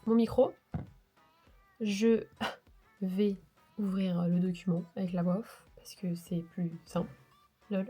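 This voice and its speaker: A woman vlogger who has a cold talks casually in a nasal voice, rambling and tossing in self-mocking asides. Her voice is mid-range and a little mellow, picked up by a lapel mic plugged into a phone.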